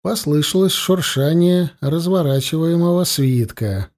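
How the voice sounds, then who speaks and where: A man narrating a fantasy audiobook in a measured storytelling manner. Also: fairly high pitch, lively intonation, a little mellow.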